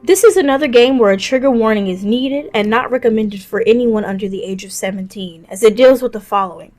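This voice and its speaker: Over background music, a woman delivers a scripted top-five video game review at a fairly quick pace. Her voice is fairly high with a darkish tone, and she narrates conversationally, adding casual asides.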